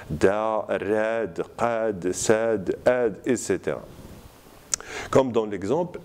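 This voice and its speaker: A man giving a university lecture, slow and deliberate, with many hesitations. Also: fairly low pitch, a little mellow.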